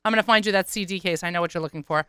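A woman's voice: fairly low pitch, racing, pushed and bright, smooth, no room sound. A woman hosting her weekly radio show in a studio, chatting in an upbeat, self-deprecating way while sounding worn out after an early start. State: tired. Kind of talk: casual radio chat. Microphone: studio microphone.

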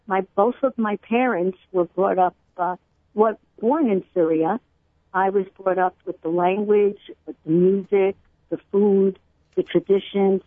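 A middle-aged woman from Brooklyn, a cookbook author explaining food customs at length with many pauses and fillers, calling in to a radio interview. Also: medium pitch, steady tone, dry recording. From Brooklyn, USA. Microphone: telephone. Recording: tinny phone line, dry.

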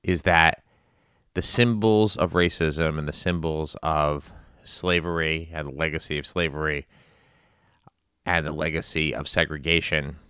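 Male, very low and clear voice, earnest commentary delivered in halting, emphatic phrases. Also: bright, forceful tone, no echo, clean studio sound. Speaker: spin class instructor. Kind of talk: earnest monologue on current events.

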